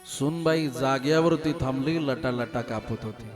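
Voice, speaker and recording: A man preaching a devotional kirtan, telling a story with loud and quiet turns. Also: mid-range voice, a little slow. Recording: live kirtan with instrument music.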